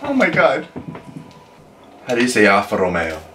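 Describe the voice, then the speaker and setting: Animated young man, echoey room. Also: mid-range voice, moderate pace. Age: young adult. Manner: animated, exasperated. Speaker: quizmaster in a pronunciation challenge. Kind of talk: casual banter. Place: small bedroom. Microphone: camera a few feet away. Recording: echoey room, distant mic, noisy background.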